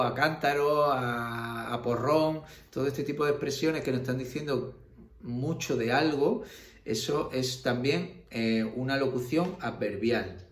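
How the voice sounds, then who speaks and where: A man's voice: mid-range voice, fairly bright tone. A male teacher from Spain, explaining a grammar lesson patiently, with frequent fillers and checking questions. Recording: roomy echo.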